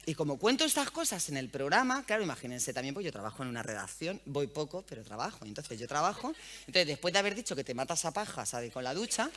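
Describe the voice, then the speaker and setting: A woman with a Spanish accent talks frankly and bluntly, her voice bright and forceful. Her pitch leaps up and down constantly as she tells stories with gusto. She is a radio journalist sitting in as a panel guest. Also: sing-song, fast talker. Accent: Spain. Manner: blunt, outspoken, earthy. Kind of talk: frank conversational interview. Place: event panel.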